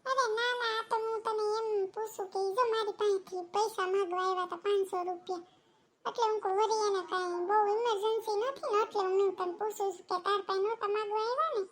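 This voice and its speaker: Woman doing squeaky gossip-queen cartoon auntie, kathiawadi accent, talks big and fast. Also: fairly even intonation, slight background noise. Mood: prying. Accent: Kathiawadi Gujarati. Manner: chatty, boastful, quick-tongued. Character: gossipy village housewife who lends money.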